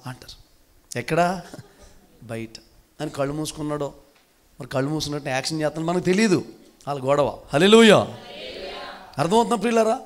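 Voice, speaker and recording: A male pastor preaching a fervent sermon to his congregation in church, calling out hallelujah again and again. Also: high-pitched. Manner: fervent, calls for loud hallelujahs, often addresses congregation as beloved.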